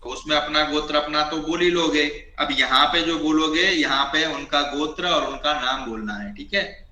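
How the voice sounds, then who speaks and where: A man teaching an online class on ritual recitation, chanting Sanskrit formulas slowly and then explaining them. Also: fairly high pitch, bright, forceful tone, echoey room, a little hiss or hum, poor audio.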